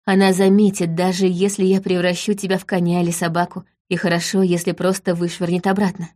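Tearful young fairy, pleading and devoted, a little low in pitch; a woman reader voices her. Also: level tone, a little fast, a little mellow, close to an everyday voice. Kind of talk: audiobook reading.

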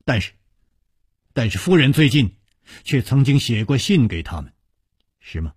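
A man's voice: mid-range voice, big pitch swings, normal speed, a little mellow, breathy edge, dry recording, clean studio sound. A man voicing a proud, clever young swordsman hero in a wuxia story, courteous but persistent. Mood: probing, courteous.

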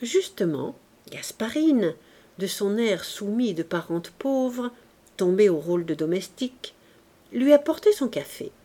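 A woman reading a classic novel aloud as an audiobook, in a calm, even way. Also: medium pitch, unhurried. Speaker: audiobook reader. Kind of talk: literary audiobook narration.

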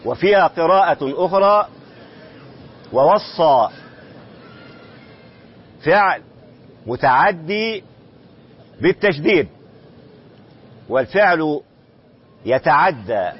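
A man teaching Quran recitation, explaining reading variants in a slow, measured scholarly way. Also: fairly high pitch, sing-song, breathy edge, dull audio.

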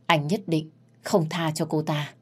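A woman storyteller narrating a family drama in a measured, sorrowful way. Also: sits low, steady tone, darkish tone, husky. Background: faint background music.

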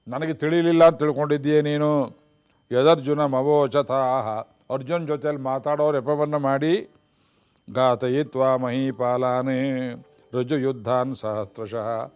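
A man's voice: mid-range voice, darkish tone, smooth, lightly acted. A man voicing a dying, bitter warrior king who reproachfully lists his grievances and chants Sanskrit verse lines.

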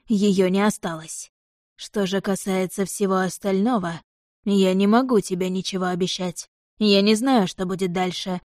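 Female reader voicing a proud, raging demon-dragon emperor from an audiobook; slow, hoarse, hissing, mellow dry tone. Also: medium pitch, dry recording, natural voice. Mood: domineering. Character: arrogant furious male demon-dragon emperor.

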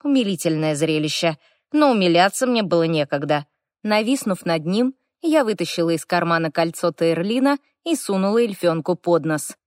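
A woman's voice: fairly low pitch, moderate pace, no room sound, studio quality. Wry woman reading a fantasy audiobook. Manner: wry, lively, expressive storytelling. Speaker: audiobook narrator.

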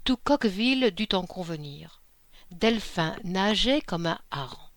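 A woman reading a classic short story aloud in a measured, expressive narration. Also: fairly low pitch, no echo. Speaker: audiobook reader.

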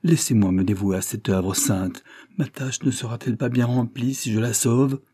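A man's voice: mid-range voice, normal speed, mellow, slightly rough, dry recording, clean studio sound, natural voice. A man reading the pleading, impassioned lines of a desperate young lover. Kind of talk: audiobook character reading.

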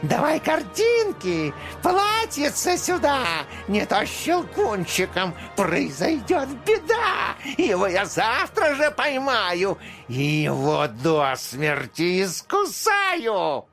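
A man voicing a menacing male mouse king who hisses threats in a high, drawn-out voice in a storybook reading. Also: huge pitch swings, a bit bright, soft background music, full character voice. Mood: threatening. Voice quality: hissing.

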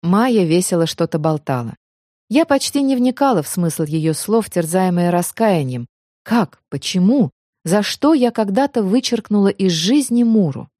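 A woman reads a first-person audiobook with feeling, her pitch rising and falling freely. Her tone is warm and mellow, and the close recording is dry with no room sound. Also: moderate pace, no room sound. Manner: emotional, expressive. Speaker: audiobook narrator.

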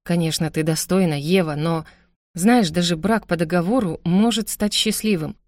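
A woman voicing a young adult man, an easygoing stepbrother who teases his sister in a calm, mildly sarcastic way. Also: fairly low pitch, normal speed, dry recording, clean studio sound, lightly acted. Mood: teasing calm.

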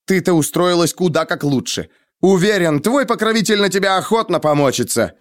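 A man's voice: mid-range voice, expressive, normal speed, no room sound, lightly acted. A male audiobook reader voicing a proud, defensive young man who speaks in a heated, biting way. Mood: angry. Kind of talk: audiobook character reading.

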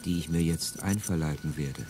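The man's voice is very deep and moves at a moderate pace, with background noise. An actor portrays an embittered revolutionary in a classic radio drama, brooding before erupting bitterly, backed by music.

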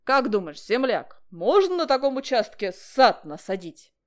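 A woman voicing a crafty, jovial older man with a loud, coaxing way of talking, in a storybook reading. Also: on the high side, sing-song, a little slow, pitched above the performer's own voice. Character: sly folksy older man, cheerful old worker.

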